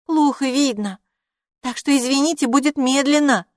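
A woman's voice: sits high, moderate pace, no room sound, studio quality, voice pushed up, natural voice. A woman reading an audiobook and voicing a sarcastic, bossy older girl who snaps her lines. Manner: snappy, sarcastic.

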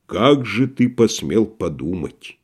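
A man's voice: lowish voice, very animated, slow pace, darkish tone, husky, pitched below the performer's own voice, heavily acted. A man voicing a pompous, grandiloquent tragic actor, declaiming theatrically in an audiobook play reading. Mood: indignant declaiming.

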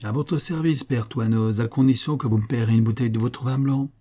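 A man voicing a sly, cheerful young male boatman who talks boldly and lively in a storybook reading. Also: medium pitch, a little fast, natural voice. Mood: confident.

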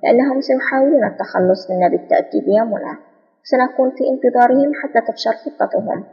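A woman's voice: a little high, quick pace, vocal fry, slightly rough, big-room sound, muffled recording, exaggerated voice. A woman reading the lines of a cool, sarcastic male secret agent in an audiobook. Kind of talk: audiobook spy novel reading.

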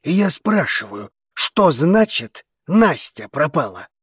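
Man doing a brooding dragon man, possessive, clipped, slightly raised pitch, husky, dry audiobook sound. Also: very animated, a little slow, a little mellow, dry recording, full character voice. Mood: restrained insistence. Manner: tense, clipped, growling.

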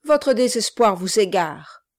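A curt, stern gentleman lecturing the poor, as a woman reader plays him, firm and loud. The delivery is unhurried and the sound dry and close. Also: mid-range voice, very animated, no room sound. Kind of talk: audiobook character reading.

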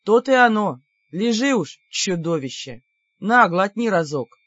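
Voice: mid-range voice, big pitch swings, unhurried, fairly bright tone, no echo, muffled recording. A narrator doing a wry, stern older brother. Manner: dry, mocking and stern. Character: young man, calm wry older brother.

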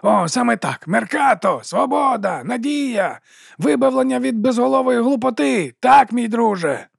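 A man's voice: extremely high pitch, lively intonation, moderate pace, creaky, husky, no room sound, clean studio sound, pitched above the performer's own voice, heavily acted. A man voicing a sly, scheming male poisoner who speaks with mocking, oily politeness. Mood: false cheer.

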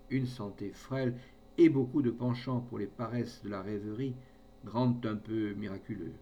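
Male narrator, measured expressive storytelling, middle-pitched voice, faint background hiss. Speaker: audiobook narrator. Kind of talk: literary story reading.

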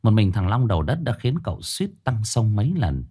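A man's voice: fairly low pitch, sing-song, fairly quick, mellow, slightly rough. A man with a Northern Vietnamese accent narrating a comic ghost story, colloquial with playful asides.

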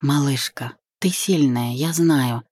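A woman reading the part of a young husband and boss who is teasing, commanding and tender by turns, in a low, mellow voice. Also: big pitch swings, a little slow, dry recording, studio quality, heavily acted. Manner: playful, bossy, tender. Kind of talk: audiobook reading.

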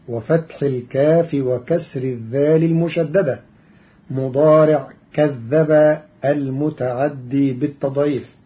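A man giving a formal scholarly explanation of Quran readings in a measured, deliberate way, on a dull lo-fi recording. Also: on the high side. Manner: measured and deliberate, chanting quoted verses.

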